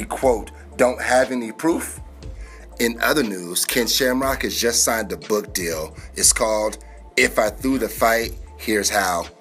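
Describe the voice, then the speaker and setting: A man's voice: on the low side, fairly bright tone. Guy hosting a sports comedy podcast, slangy wisecracks, scripted news bits w/ music under it. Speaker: podcast host. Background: music bed.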